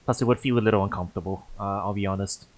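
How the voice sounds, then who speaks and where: A man's voice: fairly low pitch, fairly even intonation, racing, a little hiss or hum. A man casually commentating a story game on stream, thinking aloud and often restarting his sentences. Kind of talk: casual let's-play commentary.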